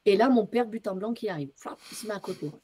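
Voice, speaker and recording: Lively storytelling woman. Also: mid-range voice, quick pace. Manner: lively, acts out dialogue, casual slang. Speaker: medium, interview guest. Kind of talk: casual storytelling.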